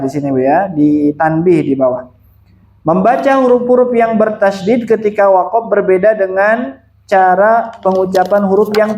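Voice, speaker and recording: A man's voice: high voice, darkish tone, roomy sound, a little hiss or hum. A man teaching Quran recitation, patiently repeating and demonstrating pronunciations for a student. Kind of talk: one-on-one recitation lesson.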